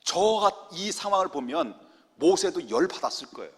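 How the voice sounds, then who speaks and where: Middle-aged male pastor, high lively voice, husky, joking with the congregation, long church reverb. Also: moderate pace. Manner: animated, jokes with the congregation, acts out quotes. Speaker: senior pastor. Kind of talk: lively Friday prayer-meeting sermon. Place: church sanctuary.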